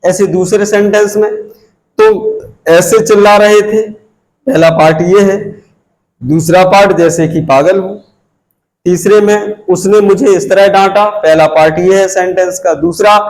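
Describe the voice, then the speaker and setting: A man teaches an English grammar lesson in a fairly high voice. He works through the rules step by step, repeating key words as he points to the board. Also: unhurried, a little mellow, low-quality recording. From India.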